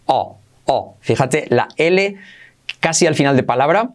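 A man from Spain with a Spanish accent, teaching English phrases in an energetic lesson and coaxing the listener to repeat after him. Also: on the high side. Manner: drills phrases slowly, coaxing "come on, repite conmigo".

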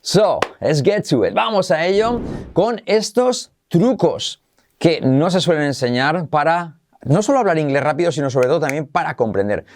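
A man teaching English pronunciation in an online lesson, energetic and repeating phrases slowly for learners to copy. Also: a little high.

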